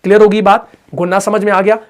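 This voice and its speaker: A man teaches Quran recitation in a patient explanatory lesson. He repeats each point, asks whether it is clear, and voices the sounds himself. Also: high-pitched, level tone, fast talker. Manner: demonstrates sounds aloud.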